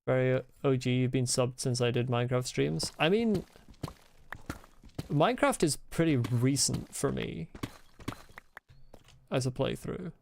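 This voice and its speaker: Over a noisy background, a man from Scotland talks in a mid-range voice with a mild Scottish accent, keeping a measured pace with vocal fry and frequent pauses. It's casual live-stream chat while he games, replying to chat messages with chuckles and rambling asides.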